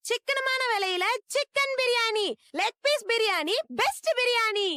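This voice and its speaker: A woman voicing a feisty young biryani hawker who calls out loudly and talks back in a drama dub. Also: very high-pitched, no room sound, studio quality, exaggerated voice. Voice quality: loud, sing-song hawking.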